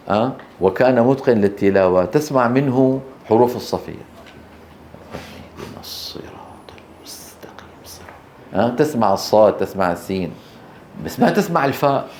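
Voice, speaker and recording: A man's voice: fairly low pitch, darkish tone. Male Quran recitation teacher who stretches out each letter sound and quizzes the class, recorded in an echoey room with faint hiss. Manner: drawn-out letter demonstrations, quizzing students. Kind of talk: tajweed lesson with call-and-response drills.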